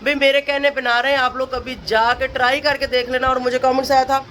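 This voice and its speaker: A woman's voice: sits high, little pitch movement, fairly quick, a bit bright, a little hiss or hum. A woman from Pakistan, chatting to camera in a casual family vlog, tired, laughing often and calling out to relatives. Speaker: family vlogger.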